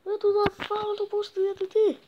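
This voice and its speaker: A male YouTuber giving joking, crude gameplay commentary that bursts into excited shouts. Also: very high voice, highs cut off, noisy background. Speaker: gaming YouTuber.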